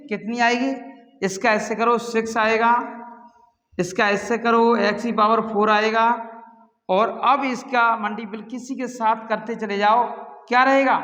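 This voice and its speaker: A man's voice: sits high, fairly bright tone. A man teaching a maths class, asking his students questions and answering them himself while he patiently repeats each step. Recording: roomy, echoey, dull lo-fi recording.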